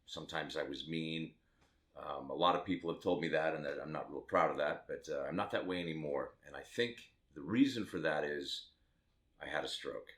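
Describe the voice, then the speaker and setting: A tattoo artist in his fifties from Las Vegas, Nevada, tells his own story to the camera, candid and rambling with self-mocking asides. His voice rumbles low, a bit bright, and runs a little fast.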